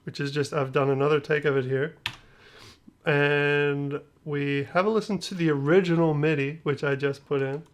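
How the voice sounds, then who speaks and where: A man hosts a music production tutorial as casual screen-share talk, joking loosely in slang and letting phrases trail off. His voice is fairly high with a steady tone and moderate pace, and a little hiss or hum sits under the recording.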